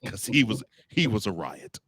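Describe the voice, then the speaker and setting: A man hosting a college football podcast, giving teasing, animated commentary with frequent restarts and laughs. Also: on the low side, normal speed. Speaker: podcast host. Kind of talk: sports talk commentary.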